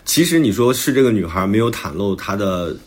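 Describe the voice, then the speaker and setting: His voice is on the low side and expressive, a bit quick, with a breathy edge. As an author and podcast host, he chats informally about his book and thinks aloud about his ideas. Background music accompanies the talk.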